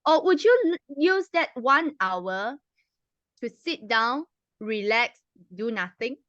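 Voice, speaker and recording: This is a rehearsed club-meeting opening from a young adult, non-native English speaker with a Mandarin accent, who fills it with emphatic rhetorical questions. Her slightly high, somewhat bright voice is expressive and slow. There's no room sound, and the lo-fi recording comes across dull and dry.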